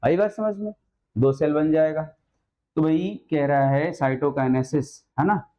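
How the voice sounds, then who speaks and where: A male biology teacher speaks slowly in a warm, slightly high voice, though the audio quality is poor. Lecturing to his class, he persuades and quizzes students nonstop, calling them "beta" and "mere lal."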